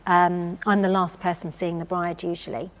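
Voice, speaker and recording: A woman, a makeup artist chatting calmly and easily as a podcast guest. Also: on the low side, normal speed. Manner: calm, easygoing. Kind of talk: casual chat.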